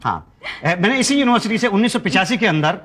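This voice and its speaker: An actor playing a polite, long-suffering middle-aged teacher, explaining patiently and deadpan in a sitcom. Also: male voice, high-pitched, fast talker. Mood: earnest. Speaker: history teacher seeking his degree. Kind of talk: sitcom acting.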